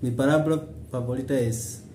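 A young man from Kenya answers in a friendly way, laughing a little. His tone is mellow. The room echoes, and faint noise sits behind him. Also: mid-range voice, steady tone, moderate pace. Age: young adult. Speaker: language student. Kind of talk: casual interview answer. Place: wood-panelled room indoors.

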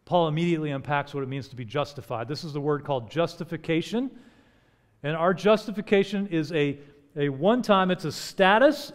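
A man in his forties, a pastor preaching a sermon from a church stage pulpit, rising for emphasis and dropping soft and slow on key words. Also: a little high. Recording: long hall reverb.

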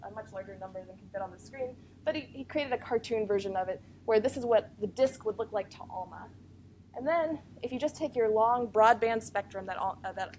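A woman scientist giving a conference research talk, explaining fast and earnestly, with many fillers and self-corrections, over a microphone in a room with speakers. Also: fairly high pitch, slight background noise. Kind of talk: academic conference presentation. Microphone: microphone feeding room speakers.

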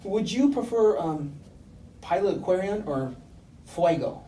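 A man's voice: sits high, lively intonation, a little slow, warm tone. A man in his forties asking casual interview questions in a small room, away from the microphone. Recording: roomy, distant mic, faint noise.

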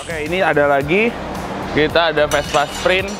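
Over loud music in a large indoor car workshop, a young adult man from Indonesia speaks in a slightly high, steady voice at normal speed. He gives a casual, slangy tour of his custom workshop, laughing often.

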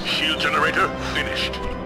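A man's voice: fairly high pitch, normal speed, over loud music. An actor playing a male colony computer announcer, speaking through a robotic computer voice filter in clipped, mechanical status reports. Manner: clipped status reports, flat machine delivery. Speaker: in-game system announcer.

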